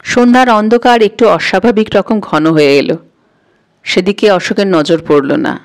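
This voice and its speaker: Female audiobook narrator with a measured, expressive storytelling delivery. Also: mid-range voice, poor audio.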